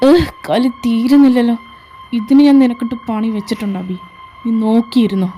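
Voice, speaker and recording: A woman's voice: a little high, fairly quick, dark tone. Woman voicing every role in a fan audio drama. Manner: switches between several characters, arguing and teasing. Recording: faint background music.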